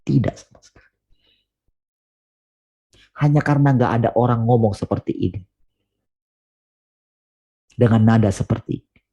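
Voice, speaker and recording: A man preaching a sermon over a video call, earnest and emphatic, rising to urgent questions and then dropping low and quiet. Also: moderate pace, gravelly, long pauses, breathy edge, lo-fi sound.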